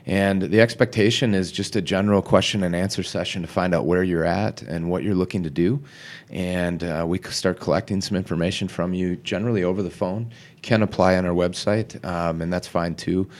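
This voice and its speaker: Male podcast guest, deep voice, informal professional explaining in a casual, slightly halting conversational way. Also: fairly even intonation.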